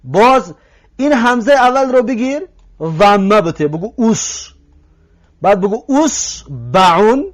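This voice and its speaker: A man with a Tajik accent teaching an Arabic lesson, who says words again slowly to drill them and keeps asking the listeners whether they follow. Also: high-pitched. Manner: addresses listeners directly, asks if they follow. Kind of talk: recorded language lesson.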